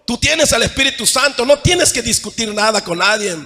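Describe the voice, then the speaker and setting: A Mexican man preaches from the pulpit in a high, bright register. He keeps checking in with the congregation and alternates emphatic, near-shouted points with quieter asides. His voice rings out with a long tail of echo through the church hall. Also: expressive, moderate pace. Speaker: pastor. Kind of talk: sermon.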